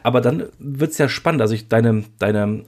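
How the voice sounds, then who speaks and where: A man's voice: mid-range voice, moderate pace, darkish tone. A man interviewing an author, asking questions in a hesitant, stammering way with many repeated words. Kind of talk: conversational interview.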